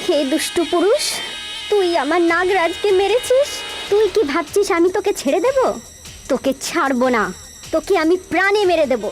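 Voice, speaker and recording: A woman's voice: extremely high pitch, lively intonation, normal speed. A woman playing a grieving, vengeful female serpent in a melodramatic film, theatrical and threatening. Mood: vengeful anguish. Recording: loud film music behind voice.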